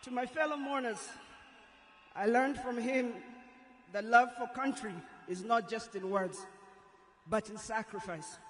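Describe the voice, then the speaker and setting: Speaking as the daughter of the deceased, a Kenyan-accented woman gives a solemn funeral eulogy that is an emotional, tearful goodbye. Her fairly high voice is measured and deliberate, broken by long pauses. The audio is echoey, like a public address system, with faint noise.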